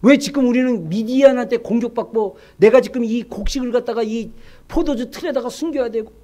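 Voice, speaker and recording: An indignant, doubting ancient man who fires off demanding questions in a fairly low voice, as a preacher acts him out during a sermon. He pushes back hard and complains. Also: brisk, mellow.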